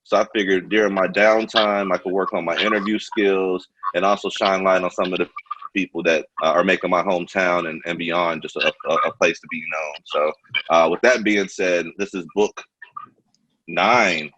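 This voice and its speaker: A man from Kansas hosts a relaxed interview over a video call. His voice sits very low, and he keeps it loose and slangy with plenty of "uh"s. The sound is a little dull and lo-fi. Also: normal speed. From Kansas, American Midwest. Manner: laid-back, slangy, with frequent fillers. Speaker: host.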